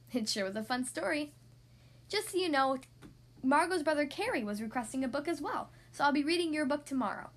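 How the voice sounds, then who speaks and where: A woman hosting a children's podcast, reading a picture book aloud in an expressive, sing-song way. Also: high voice.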